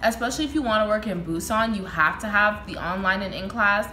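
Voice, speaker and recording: A woman's voice: mid-range voice, fairly quick, bright, forceful tone, roomy sound, a little hiss or hum, rough recording. A young woman from Canada with a Toronto accent, answering viewer questions in a casual, chatty vlog and laughing often. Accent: Toronto Canadian English. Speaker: vlogger.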